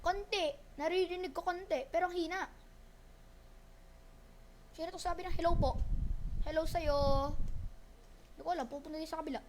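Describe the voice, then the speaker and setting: Woman, very high voice, gaming callouts, repeats warnings fast, faint hiss and clicks behind. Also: steady tone. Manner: quick, repetitive callouts, urgent and teasing. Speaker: gamer streaming a shooter match. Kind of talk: casual gameplay chatter with teammates.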